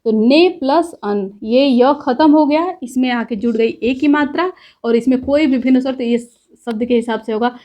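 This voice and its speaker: A woman's voice: high-pitched, moderate pace, warm tone. A woman teaching a grammar lesson, explaining step by step and checking in often with the class.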